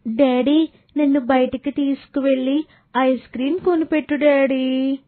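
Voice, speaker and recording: A woman voicing a frightened, lonely little girl who speaks slowly and softly. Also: sits high, steady tone, no room sound, narrow, tinny audio. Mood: pleading.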